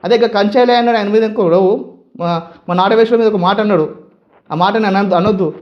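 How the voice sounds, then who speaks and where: A man's voice: high voice, quick pace, dull audio. A man with a Telangana Telugu accent, a youth leader of a community association, delivers an angry political statement. He scolds with a string of heated rhetorical questions.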